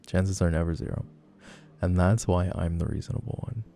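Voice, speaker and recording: Man playing a teasing, gravelly low-voiced flirty guy. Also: steady tone, brisk, warm tone, faint music behind. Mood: playful, rambling. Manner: teasing, playful, rambling. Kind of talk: flirty personal-attention role-play, casual chat.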